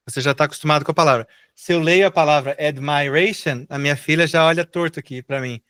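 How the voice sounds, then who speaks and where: A man's voice: fairly high pitch, steady tone, fast talker, a bit bright, clear, resonant tone. A middle-aged Brazilian man teaching English in a live online class, patiently explaining and repeating words for students to echo.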